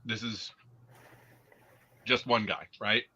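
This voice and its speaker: A man in his fifties, a podcast co-host, spinning animated, joking story ideas in casual panel chat. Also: on the low side, slow pace, a crowd in the background. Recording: dull lo-fi audio.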